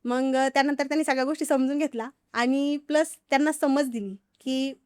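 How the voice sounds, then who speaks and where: A high-voiced woman talks fast through her stories in a podcast interview. She acts out the other people's lines as she goes. The room is dry and close. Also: steady tone, no echo. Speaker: farmer vlogger guest. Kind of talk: casual podcast interview storytelling.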